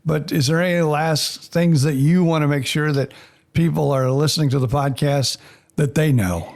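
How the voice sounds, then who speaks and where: A man hosting a podcast in an easygoing interview, his voice fairly high for a man. The voice has a strong gravelly creak. He speaks loosely, with uh fillers and many restarts. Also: normal speed, darkish tone. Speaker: podcast host. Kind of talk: casual interview.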